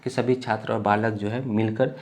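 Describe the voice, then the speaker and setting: A man's voice: fairly low pitch, flat delivery, darkish tone. Unwell male teacher, patient and repetitive exam-prep delivery. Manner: repetitive, explains slowly with frequent "thik hai" checks. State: unwell, coughing.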